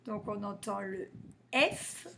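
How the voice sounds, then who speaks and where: A woman teaching a phonics lesson to young children, sounding out letters and syllables slowly and carefully. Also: mid-range voice, gravelly, noisy background.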